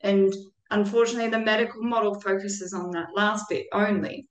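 A woman's voice: medium pitch, level tone, fairly quick, reverberant, low-quality recording. A woman guest speaking earnestly and reflectively about care and community in a conversational interview. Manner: earnest and reflective, with occasional laughs.

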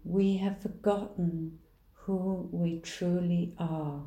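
Very slow, dark-voiced woman guiding meditation. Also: fairly low pitch, fairly even intonation. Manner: soft, slow, soothing delivery. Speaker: meditation guide. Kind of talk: guided meditation. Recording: roomy echo.

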